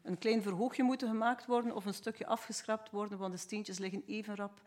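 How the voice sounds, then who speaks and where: A Flemish woman speaking as a council member, laying out local problems in earnest detail. Her voice is mid-pitched. She talks at a steady, even pace. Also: a little fast. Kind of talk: asking questions at a council meeting.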